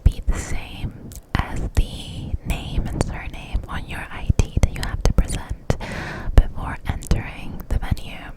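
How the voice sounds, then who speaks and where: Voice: unhurried, low-quality recording. A person telling a casual story in an ASMR ramble, in a close-up cupped-hand whisper right at the mic. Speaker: ASMR creator.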